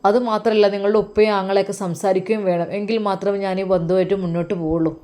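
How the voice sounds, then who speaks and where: A woman voicing a stern, weary religious husband with a Malappuram Malayalam accent, in a lowered, quiet, firm voice. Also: flat delivery, very fast, lightly acted.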